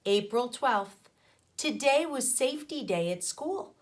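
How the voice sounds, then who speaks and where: Reading a children's book aloud, this elementary school teacher speaks in an expressive voice on the high side. Her style is instructive: she stops to explain points and to pose questions to the children.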